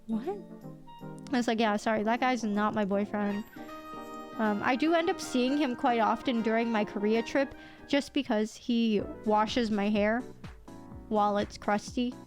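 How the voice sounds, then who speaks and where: A young woman chats through a live stream in a rambling, self-teasing way. Her voice sits a little high and somewhat nasal, with a slight lisp and a hint of a cold. Soft music plays faintly behind her. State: a little sick. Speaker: VTuber streamer. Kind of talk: casual live-stream chat.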